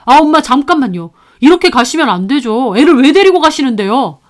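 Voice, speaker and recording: A woman voicing a grown son in a storybook who argues loudly and defensively with his mother. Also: sits high, sing-song, fairly quick, pitched above the performer's own voice. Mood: pleading. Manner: loud, defensive, arguing.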